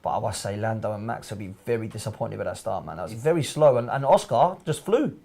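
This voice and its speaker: A man's voice: on the low side, lively intonation, quick pace, vocal fry, warm tone. A man co-commentating on a race in an informal, slangy motorsport commentary style.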